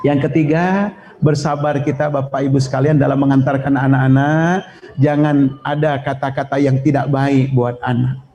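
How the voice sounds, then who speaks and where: Animated male preacher, dull lo-fi sound. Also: mid-range voice, moderate pace. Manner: storytelling, humorous, animated exhortation. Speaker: Islamic preacher. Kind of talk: sermon to parents.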